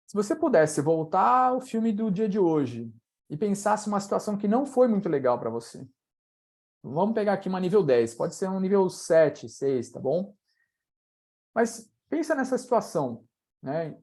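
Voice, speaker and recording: A man's voice: high voice, a little mellow. A Brazilian man mentoring a live online audience, talking casually and walking listeners through exercises with frequent tag questions. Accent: Brazilian Portuguese. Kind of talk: live online coaching talk.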